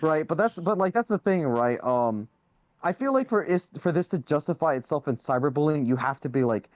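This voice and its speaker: A man's voice: fairly high pitch, expressive, brisk, no room sound. A young man in a casual online debate, hedging and restarting a lot as he argues. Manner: hedging, restarts often, says "right?".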